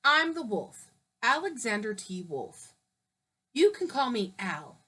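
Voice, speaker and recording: A woman's voice: fairly high pitch, sing-song, slow, fairly bright tone, slightly rough, full character voice. A woman voicing a male wolf who narrates his own version of a storybook in a chatty, persuasive way. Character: smooth-talking male wolf telling his side.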